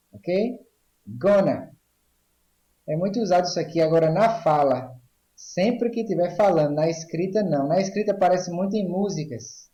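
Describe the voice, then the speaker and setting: A man with a Brazilian Portuguese accent teaches an online English grammar lesson, explaining slowly and step by step while checking in with "ok?" and "tá certo?". His voice is high and dark in tone, and the audio is dull and roomy.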